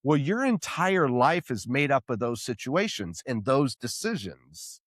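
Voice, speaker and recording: Man, podcast host, animated storyteller, mid pitch, dry close sound. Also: unhurried, no echo. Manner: animated storyteller, acts out quoted voices. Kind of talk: casual interview chat.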